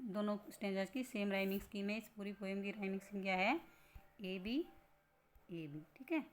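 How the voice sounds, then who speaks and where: Patient and slow, a woman teacher works through a lesson, repeating her points and asking rhetorical questions in a mid-range voice.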